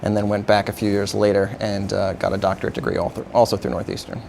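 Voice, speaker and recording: A man in his thirties from the New York area, a physical therapist answering interview questions in a halting way, with lots of fillers. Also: lowish voice, completely flat delivery, vocal fry, a little mellow, a little hiss or hum. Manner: halting, many uh fillers, agreeable.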